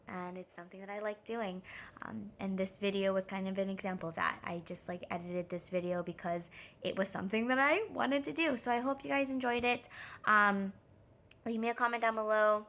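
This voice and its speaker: A woman's voice: medium pitch, slight background noise. A young woman chatting casually from her bedroom in a vlog, filling her talk with ums and likes. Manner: chatty, relaxed, lots of fillers. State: out of breath. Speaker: vlogger.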